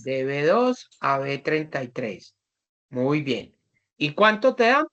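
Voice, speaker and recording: Un hombre con acento colombiano que da una clase en línea y explica con paciencia, imitando a sus alumnos en anécdotas. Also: male voice, fairly high pitch, very animated, takes it slowly, fairly bright tone, lo-fi sound. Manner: patient, acts out students in anecdotes. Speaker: teacher. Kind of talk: online class, explaining to students.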